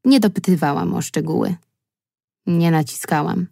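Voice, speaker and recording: Woman, audiobook narrator, first-person reading, even and measured, low dark voice, close mic, dry studio sound. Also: gravelly, no echo.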